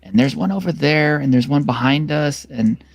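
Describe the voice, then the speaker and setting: A man narrating a tabletop game as game master, hesitant and halting with frequent fillers. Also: on the high side, creaky, no echo.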